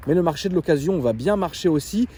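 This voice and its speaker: A car vlogger tells a story casually, chatty and animated with plenty of fillers, then shows off his car from inside it. His voice is fairly high with a breathy edge, and he talks fast.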